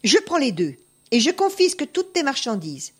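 A woman voicing a greedy, bullying male farmer who shouts and threatens. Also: mid-range voice, fairly quick, close to an everyday voice. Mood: angry. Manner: shouting, scolding.

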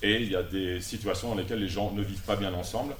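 Brief: male theatre member, interview, lowish voice, roomy sound, faint noise. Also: fairly even intonation, fast. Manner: thoughtful, with restarts. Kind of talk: spoken interview answer.

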